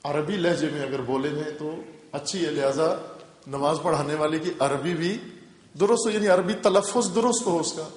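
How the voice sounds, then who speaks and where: A male Islamic scholar giving a religious lecture with a Pakistani Urdu accent, explaining step by step and repeating key terms for emphasis. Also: on the high side. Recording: echoey hall reverb.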